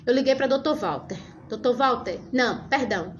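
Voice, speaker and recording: A woman's voice: fairly high pitch, lively intonation, normal speed, a little hiss or hum. A woman giving a fervent religious testimony, speaking straight to her listeners. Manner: fervent, addresses listeners as brothers and dear ones.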